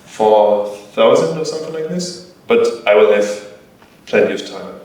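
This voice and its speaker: A man speaking English as a guest at a festival talk, halting and full of fillers as he looks for words. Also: on the low side, animated, a little mellow. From Germany. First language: German. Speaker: band member, guest. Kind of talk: casual panel interview. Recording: echoey hall, distant mic, faint noise.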